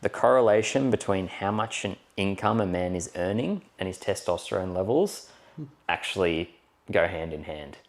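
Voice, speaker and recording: Man, very deep voice, casual podcast chat, rambling explainer. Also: animated, moderate pace. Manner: chatty, explanatory, rambling with fillers. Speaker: podcast co-host.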